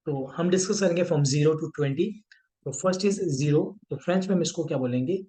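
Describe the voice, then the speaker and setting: A man teaching a language lesson, mixing Hindi and English and repeating each sound slowly for learners. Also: a little high, dark tone. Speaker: French teacher.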